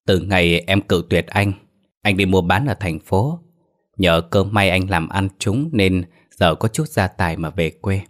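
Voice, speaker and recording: An earnest young suitor, plain-spoken and eager as a male storyteller reads him. His deep voice stays calm and sincere. It sounds like a narrated village tale. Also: a little slow. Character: young man back from the city, eager suitor.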